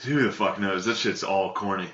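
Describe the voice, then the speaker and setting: Man on tinny, low-sample-rate laptop audio. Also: normal speed, a bit bright. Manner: profane, laughing storytelling full of "like". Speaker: podcast co-host. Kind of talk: casual chat. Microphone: laptop built-in mic. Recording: tinny lo-fi laptop recording in a roomy space.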